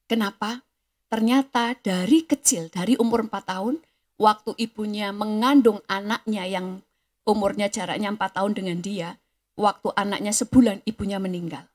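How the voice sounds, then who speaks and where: A middle-aged woman pastor preaching a sermon, rising to loud emphasis and dropping to hushed asides. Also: fairly high pitch.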